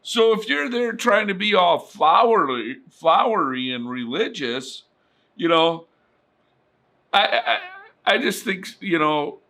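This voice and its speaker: A man's voice: high voice, big pitch swings, takes it slowly, pushed and bright. A middle-aged man giving an informal, conversational sermon, full of fillers and acted-out prayers.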